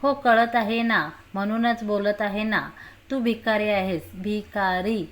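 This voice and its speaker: A woman's voice: mid-range voice, fairly even intonation, slow, lightly acted. A woman voicing a tipsy, mocking young woman in a read-aloud romance story. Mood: taunting. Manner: slurred taunting, loud.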